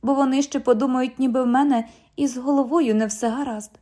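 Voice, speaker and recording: A woman's voice: high voice, fairly even intonation, a little fast, warm tone, lightly acted. A woman reading an audiobook, voicing a sarcastic, mocking twenty-year-old woman who works as a bank cashier. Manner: mocking, cheeky, parrots the other speaker.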